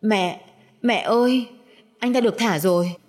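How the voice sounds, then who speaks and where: A woman's voice: medium pitch, unhurried, darkish tone, big-room sound, voice pushed up, lightly acted. A woman voicing a frightened, timid young mother in a spoken audio story, with fearful, pleading delivery.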